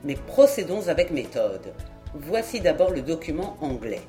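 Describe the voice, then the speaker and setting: Calm methodical lord, read by a woman. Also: deep voice, moderate pace, faint music behind.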